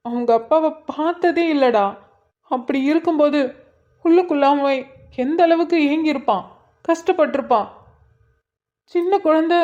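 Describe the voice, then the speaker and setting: A woman's voice: high voice, mellow, highs cut off, lightly acted. A woman voicing an angry young man who scolds his sister and pleads with his friend, in a cartoon drama. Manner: pleading, accusing. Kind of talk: cartoon voice acting.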